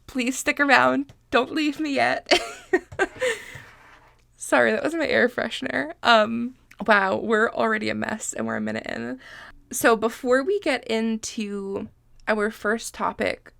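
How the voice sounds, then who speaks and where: Her voice is a little high, gravelly, and fairly bright, with no echo: a sniffly, congested woman in her twenties from Massachusetts, USA, hosting a casual solo podcast. She chats away, self-deprecating, and swears freely.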